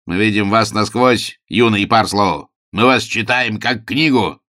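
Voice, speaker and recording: A man voicing a brash, forceful aristocrat who talks loudly and theatrically in an audiobook. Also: lowish voice, measured pace, no echo, clean studio sound, voice pushed up. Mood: accusing. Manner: loud commanding theatrical.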